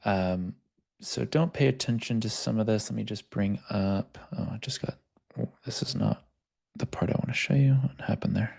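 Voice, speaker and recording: Gravelly man coaching over a video call. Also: on the low side, normal speed, darkish tone. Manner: conversational, storytelling. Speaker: life coach. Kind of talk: online workshop teaching.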